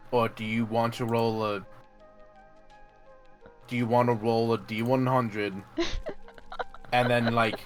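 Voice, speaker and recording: A man running a tabletop game as game master, talking loosely with many fillers. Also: medium pitch.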